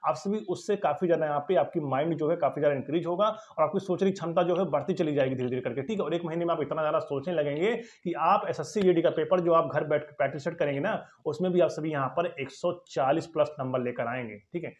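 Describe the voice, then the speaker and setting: Fast-talking encouraging man, lo-fi sound. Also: on the high side. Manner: encouraging, fills lines with "ठीक है". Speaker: exam coaching YouTuber. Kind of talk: advice talk to viewers.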